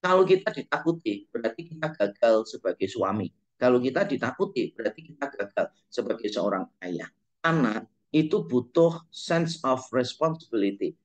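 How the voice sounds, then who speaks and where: A man's voice: mid-range voice, animated, normal speed. Middle-aged man as a webinar speaker, playful storyteller. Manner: jokey storytelling, acts out quoted parents and kids. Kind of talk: humorous parenting talk.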